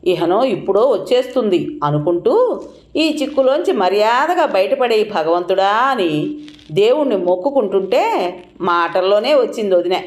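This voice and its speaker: Expressive woman telling an audio story. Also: medium pitch. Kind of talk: first-person audio story narration. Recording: roomy echoing recording.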